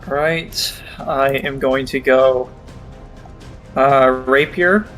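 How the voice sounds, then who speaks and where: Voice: mid-range voice, fairly even intonation, extremely slow, a bit bright, faint music behind, rough recording. A player talking casually at a tabletop game.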